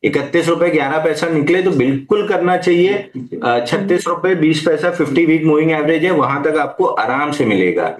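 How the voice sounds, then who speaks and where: A man with a higher-pitched voice speaks at a moderate pace in a roomy-sounding recording. He's a stock market analyst answering viewer questions during a live market Q&A, patient and advisory, speaking Hindi sprinkled with English trading terms.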